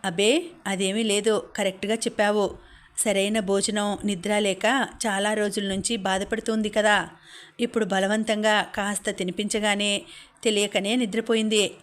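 A woman reading the lines of a remorseful, caring young husband in an audiobook, calm and reassuring. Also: mid-range voice, normal speed, natural voice.

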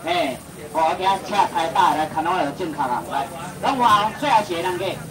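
At a noisy outdoor market, a young man with a Taiwanese accent auctions seafood, rattling off prices in a fast sing-song patter and joking with the crowd. His voice is high and expressive, heard from a distance over loud market din.

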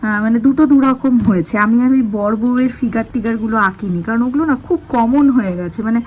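A hoarse woman with a sore throat from West Bengal, India, chatting casually in a home vlog and speaking softly to spare her voice. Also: a little high, fast, dull audio, slight background noise. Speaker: vlogger.

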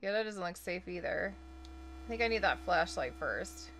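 Scared woman streamer with very animated pitch. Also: moderate pace, background noise. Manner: scared, jumpy, exclaiming and swearing as she plays. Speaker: horror game streamer. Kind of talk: live game commentary, casual reactions. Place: indoor room, seated at a streaming setup. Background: video game music and sounds.

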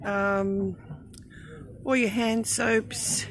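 A woman's voice: medium pitch, level tone, very slow, a little hiss or hum. A middle-aged Australian woman vlogging her grocery haul, chatty and thrifty, listing items with frequent ums, filmed on a handheld phone. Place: discount shop aisle, then at home over groceries.

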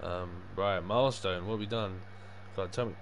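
A man's voice: low-pitched, moderate pace. A young man chatting casually on a gaming livestream, sweary and full of matey slang. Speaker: livestreaming gamer. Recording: clear background noise.

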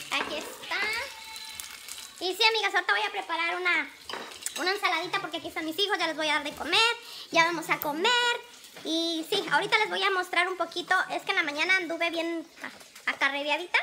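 Against background noise, a woman with an extremely high-pitched voice talks casually to her viewers, addressing them as friends. As a vlogger, she records on a phone held at arm's length, both at home and in her car.

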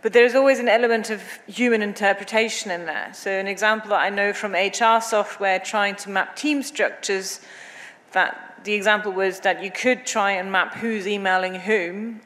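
Female audience questioner, articulate, mid pitch, in a reverberant hall. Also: a bit bright. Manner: articulate, explaining with an example. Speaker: audience member asking a question.

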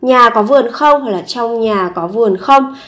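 A woman's voice: a little high, normal speed, a bit bright. A woman teaching a language lesson, explaining step by step and repeating each example sentence several times.

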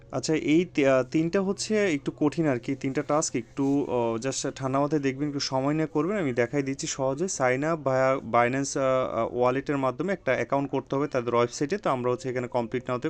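A man walking viewers step by step through an online earning task, pausing often on drawn-out fillers and repeating steps. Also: mid-range voice. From Bangladesh. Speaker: online earning tutorial host. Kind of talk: step-by-step screen tutorial.

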